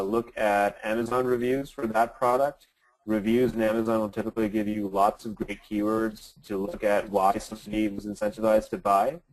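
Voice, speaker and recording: A man's voice: on the low side, low-quality recording. A man speaking as a panelist on a video call, explaining with casual fillers. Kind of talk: expert discussion.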